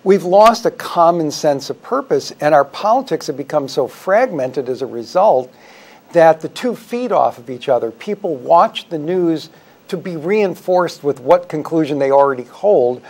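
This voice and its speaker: A man speaking as a historian guest on a talk show, explaining in a measured, articulate way. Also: on the high side, expressive, a little mellow. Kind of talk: explanatory interview answers.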